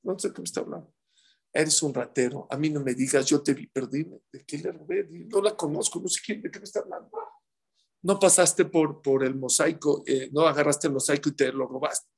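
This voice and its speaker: A man acting out a calm, puzzled religious taxi driver who quietly denies an accusation. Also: on the high side, brisk, vocal fry, breathy edge. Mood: placating. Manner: soft, placating, bewildered.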